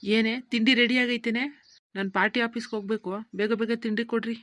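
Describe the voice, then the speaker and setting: Cartoon: gruff older male politician, played by a woman, grumbling, dry close sound. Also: fairly high pitch, fairly even intonation, brisk, fairly bright tone, dry recording, close to an everyday voice. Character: stern older male politician, father-in-law. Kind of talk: cartoon voice acting.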